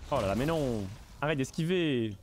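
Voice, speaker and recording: A man commentating his own game live, excitable and swearing, with mock-formal asides and bits of English. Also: mid-range voice, normal speed, a little hiss or hum. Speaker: streamer.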